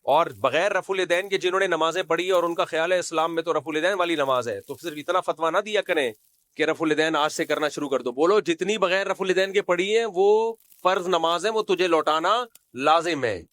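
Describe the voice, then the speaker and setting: A man's voice: fairly high pitch, fairly bright tone, dry recording. A man who is an Islamic scholar giving a religious lecture, scolding and sarcastic, who recites Arabic quotations and mimics the people he criticizes.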